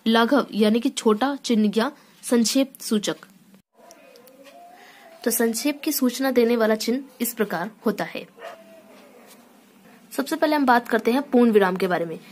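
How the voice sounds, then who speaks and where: A woman teaching a grammar lesson. She explains step by step, often checks in with "theek hai", and reads each rule aloud before unpacking it. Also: on the high side. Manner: reads sentences aloud then explains them.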